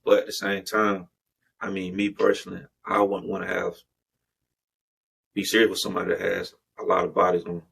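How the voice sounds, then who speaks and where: A man's voice: sits low, monotone, a little fast, creaky, pauses often, a bit bright, a little hiss or hum, rough recording. A man hosting a casual podcast, slangy and rambling, with many restarts. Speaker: podcast host.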